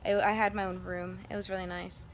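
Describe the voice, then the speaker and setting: A woman's voice: on the low side, flat delivery, brisk. A woman talking casually to her vlog audience, recounting a personal experience in a rambling, candid way. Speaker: vlogger. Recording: background room noise.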